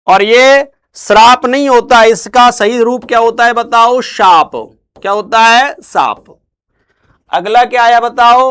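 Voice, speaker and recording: A man teaching Hindi spelling, who drills each word by asking questions and answers them himself in slow, drawn-out tones. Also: very high-pitched, a bit bright, clear, resonant tone. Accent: Rajasthani Hindi. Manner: drills words with repeated questions, stretches out answers slowly. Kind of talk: spelling lesson.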